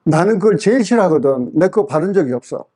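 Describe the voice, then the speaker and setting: Male pastor, revival sermon, fairly high voice, mellow tone, storytelling, acts out quotes. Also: animated, fast. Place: church revival meeting.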